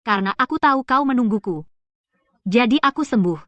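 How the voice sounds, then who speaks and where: Sweet young heroine, dubbed drama, higher pitch, dry sound. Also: female voice, expressive, brisk, a bit bright, no echo, dull audio. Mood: tender. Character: gentle young woman recovering in hospital, playful.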